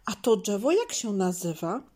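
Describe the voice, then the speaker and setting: A woman's voice: medium pitch, big pitch swings, normal speed, dark tone, voice pushed up. A woman voicing a curious little boy in a children's storybook, asking questions in a raised childlike voice.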